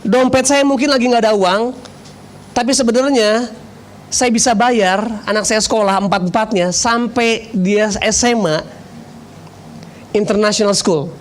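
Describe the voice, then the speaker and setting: High-voiced animated man preaching. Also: measured pace, pauses often. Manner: animated, joking, swings between loud bursts and low confiding tones. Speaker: pastor. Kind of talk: sermon with personal storytelling. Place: church online service.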